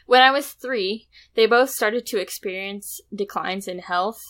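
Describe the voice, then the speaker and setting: A woman co-hosting a podcast, reading a story aloud in a steady storytelling way between casual chat. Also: medium pitch, a little slow. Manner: steady storytelling read with light laughs. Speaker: podcast co-host.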